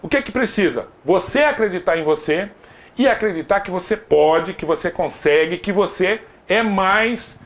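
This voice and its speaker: A Brazilian man teaching a recorded grammar lesson, often checking in with his students and adding joking asides. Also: sits high. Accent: Brazilian Portuguese. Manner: lively, repeats "tá?" to check understanding, jokes aside.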